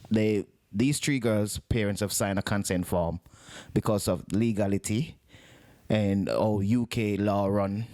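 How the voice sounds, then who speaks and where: A man's voice: lowish voice, no echo. A middle-aged man hosting a podcast interview, joking and chatty, often repeating and restarting his words. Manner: warm, joking, repetitive, halting. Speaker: podcast host. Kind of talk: casual interview.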